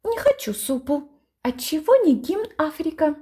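A woman voicing a cheeky, stubborn schoolboy who pesters with high, wheedling nonsense questions. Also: sing-song, measured pace, mellow.

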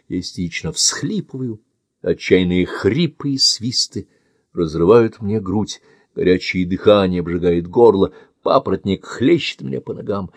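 A man's voice: fairly low pitch, slightly rough, no room sound, clean studio sound. A man narrating a novel in the first person with a tense, emotive delivery. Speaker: audiobook narrator.

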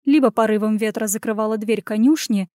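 A woman reading a fantasy novel aloud as an audiobook narrator, in a steady, even storytelling manner. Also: medium pitch, a little fast, dry recording, studio quality.

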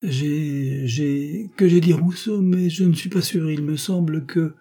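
A man's voice: mid-range voice, measured pace, mellow, slightly rough. A man voicing a flustered, greedy bourgeois husband who stammers and then blusters in annoyance. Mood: hesitant.

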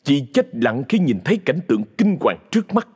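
A man narrating a ghost story in a dramatic, expressive way. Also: fairly high pitch, brisk, husky.

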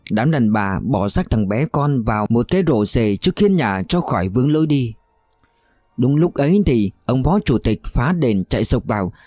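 A man narrating a novel in a steady, even storytelling voice. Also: mid-range voice, dry recording.

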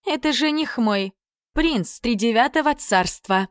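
A woman's voice: a little high, expressive, unhurried, clear, resonant tone, no room sound, pitched above the performer's own voice. A scornful young fairy-tale princess speaks in a cold, lifted voice, as a woman reader acts her out. She is imperious and icy. The recording is dry and close. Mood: haughty. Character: haughty young tsar's daughter, cold and scornful.

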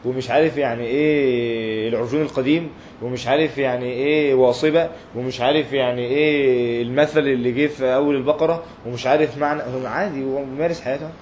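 A man with an Egyptian accent giving an animated religious lecture and acting out short dialogues. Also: medium pitch, fast, slight background noise. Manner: animated, acts out little dialogues. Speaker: preacher.

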